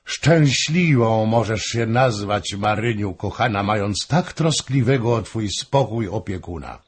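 A man reading aloud and voicing a sly older noblewoman in a fawning, ingratiating way, with a husky voice. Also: fairly low pitch, animated, unhurried, heavily acted.

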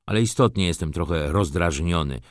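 A cool, businesslike merchant, voiced by a male reader, deep and low. He speaks in short, restrained, clipped phrases, dry and close. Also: a little fast, dry recording, close to an everyday voice. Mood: curt. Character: middle-aged male merchant, cool and curt.

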